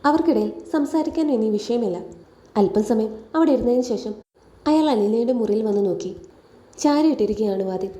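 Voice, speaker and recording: A woman narrating a story recap in a steady, measured way, in an echoey room. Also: fairly high pitch.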